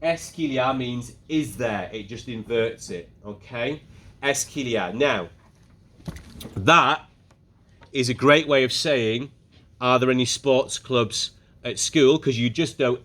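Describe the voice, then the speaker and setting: A man teaching a French speaking lesson to his class, brisk and encouraging, putting questions to the pupils. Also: mid-range voice, fairly bright tone. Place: school classroom.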